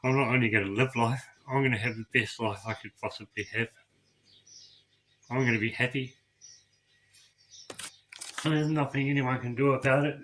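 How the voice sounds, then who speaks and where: A middle-aged man speaking on the verge of tears, his bright, forward voice catching and repeating words as he pushes through a personal story. There is a faint hiss of noise behind him. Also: mid-range voice, fairly even intonation. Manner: emotional, tearful, halting with repeated words. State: crying. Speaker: vlogger.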